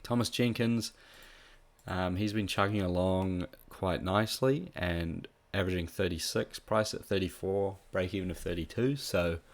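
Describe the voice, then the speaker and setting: A man with a nasal voice from being a bit sick, talking through fantasy tips in a relaxed, casual way with plenty of ums. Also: sits low, moderate pace. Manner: relaxed, with frequent ums and restarts. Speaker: fantasy football tipster. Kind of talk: casual solo analysis.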